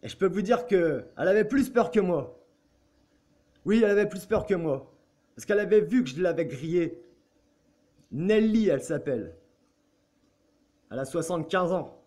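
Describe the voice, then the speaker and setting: High-voiced, insistent French-speaking man. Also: moderate pace, long pauses. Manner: insistent and repetitive, often seeking agreement; excitable, with casual swearing. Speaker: video blogger. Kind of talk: casual talk to camera.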